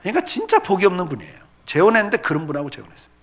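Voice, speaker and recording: A man's voice: high-pitched, wildly swooping pitch, racing, fairly bright tone. A middle-aged male pastor preaching a sermon, telling stories with acted-out quotes and laughter.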